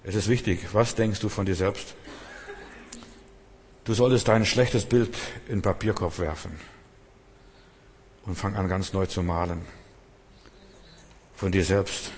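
A man's voice: sits low, steady tone, unhurried, pauses often, slight background noise. A male preacher delivering an earnest sermon, exhorting the listener and addressing them directly. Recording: long hall reverb.

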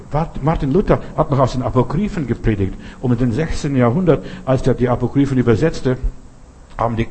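A man's voice: mid-range voice, mellow, a little hiss or hum. An older man preaching a Pentecostal sermon, emphatic, repeating phrases and often asking his listeners whether they understand.

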